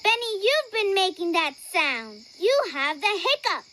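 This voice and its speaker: A woman's voice: extremely high pitch, big pitch swings, a little slow, over loud music, heavily acted, poor audio. An actress voicing a cheerful young girl explorer in a children's cartoon, talking to the viewer and coaxing them to join in. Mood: encouraging.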